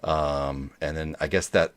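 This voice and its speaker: A man's voice: rumbling low, fairly even intonation, a little slow. A man hosting a joke show in casual chat, rambling along with many hesitations. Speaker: host of a dad joke show.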